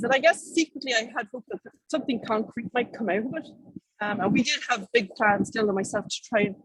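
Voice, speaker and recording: A woman with an Irish accent speaks in a fairly high, husky voice. She gives a conversational keynote, rambling a little and correcting herself mid-sentence. The sound is dry and close, with hardly any room to it. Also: a bit bright, no room sound, poor audio. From Ireland. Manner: hesitant, self-correcting, rambling delivery. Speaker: keynote speaker, artist and activist. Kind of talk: informal conversational keynote talk.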